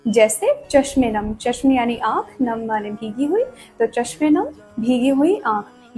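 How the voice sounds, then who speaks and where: Fields: Sex: woman. Role: language teacher. Pitch: fairly high. Pace: very slow. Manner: clear, measured explanations. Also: mellow, poor audio. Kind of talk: slow vocabulary lesson reel.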